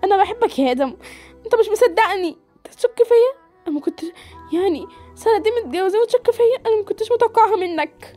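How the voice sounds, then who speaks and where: A woman voices a young Egyptian wife in an amateur audio drama, her voice very high and swinging widely as she pleads. She keeps repeating herself, and soft music plays underneath. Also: lively intonation, fast talker. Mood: pleading.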